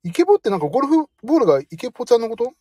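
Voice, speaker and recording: A man's voice: very high voice, big pitch swings, very fast, darkish tone, slightly rough, no room sound. A man hosting a casual live stream from his parked car, chatting in a self-deprecating way and reading out listener comments. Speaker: livestream host.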